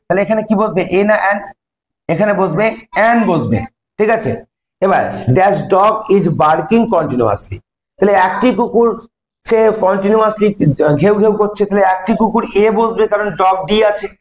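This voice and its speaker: A man teaching an English lesson, explaining step by step, asking questions and answering them himself. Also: sits high. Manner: reads English sentences slowly, then translates. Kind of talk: classroom lesson in Bengali.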